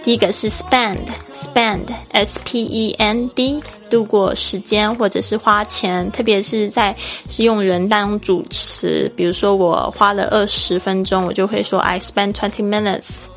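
A Taiwanese English teacher and podcast host speaks with a Taiwanese Mandarin accent in a mid-range voice with little pitch movement, at a moderate pace. Chatty and explanatory, she spells words out letter by letter over faint music.

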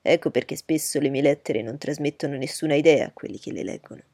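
A woman reading aloud voices a cheerful, open-hearted young gentleman who protests in an emphatic, good-natured way. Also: sits low, fast, husky, no echo, studio quality, pitched below the performer's own voice. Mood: protesting.

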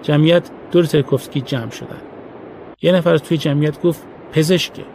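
A man reading a story aloud in a steady, measured audiobook narration. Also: on the high side, slight background noise.

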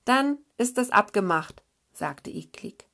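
A woman's voice: on the high side, animated, takes it slowly, vocal fry, pushed and bright, voice pushed up, exaggerated voice. A bold young girl from a storybook, as a woman puts her on, decisive and in charge.

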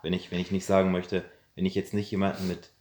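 Very deep-voiced man in an echoey room. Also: completely flat delivery, fast, a little mellow. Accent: standard German. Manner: hesitant, repeats words. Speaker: podcast co-host. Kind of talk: casual chat. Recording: echoey room, faint hiss.

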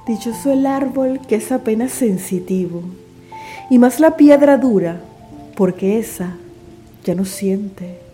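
A woman declaiming poetry in a grand, dramatic, solemn way, with emphatic, drawn-out words. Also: a little high, animated, mellow. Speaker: poetry podcast host. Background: background music.

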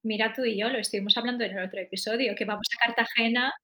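A woman with a Spain Spanish accent chats on a podcast. She is opinionated and keeps a loose conversational flow, tossing in tag questions and trailing off mid-thought. Her voice sits a bit above average pitch. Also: steady tone, very fast, pushed and bright. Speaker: podcast co-host. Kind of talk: casual chat.

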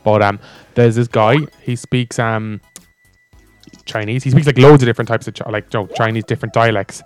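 Casual male co-host, rambling, filler-heavy delivery, medium pitch, dry recording, faint music bed. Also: steady tone, a little fast, smooth, dry recording. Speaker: co-host reading stories. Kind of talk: casual chat.

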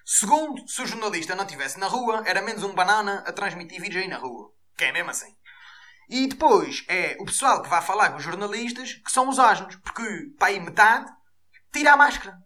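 A man with a European Portuguese accent hosting a podcast, delivering an animated, profane comic rant. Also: high-pitched, fairly quick. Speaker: podcast host.

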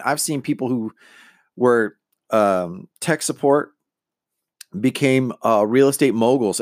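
With a mid-range voice and studio-quality, echo-free audio, a middle-aged podcaster talks casually about personal branding. His earnest, motivational monologue wanders, packed with fillers and restarts.

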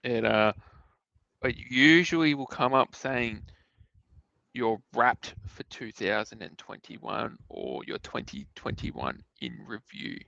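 A man with an Australian accent and a creaky, mid-pitched voice, recorded dry and a little dull. He co-hosts a casual sports betting podcast, speaking in halting bursts. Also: expressive, sharp tone, no echo. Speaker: podcast co-host. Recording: dull, close dry sound.

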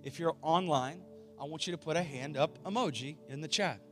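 A man's voice: a little high, brisk. A man speaking as a pastor in an evangelical altar call, informal and coaxing, with short repeated urgings. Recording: music playing under the voice. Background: instrumental music.

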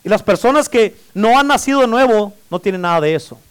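A male pastor with a high-pitched voice delivers a lively sermon in church. He calls out for amens and playfully teases his listeners as he preaches. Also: brisk, smooth. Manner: preaching with call-and-response amens; playful, teasing the congregation.

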